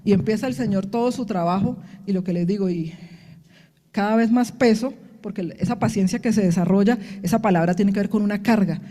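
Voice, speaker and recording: A woman's voice: medium pitch, fairly quick, mellow, long reverb tail. A woman preaching a sermon, telling her own story with earnest testimony and acting out prayers in quoted speech.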